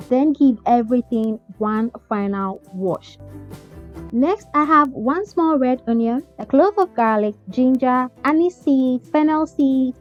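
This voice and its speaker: A woman hosting a cooking tutorial, talking the viewer through each step in a chatty way and often checking in with "okay?". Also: high-pitched. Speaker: cooking channel host. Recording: slightly dull sound with faint music.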